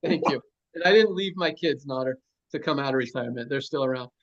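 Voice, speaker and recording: A man's voice: medium pitch, quick pace, lo-fi sound. A man hosting a company sales call, giving a hyped motivational rally speech full of rallying cries.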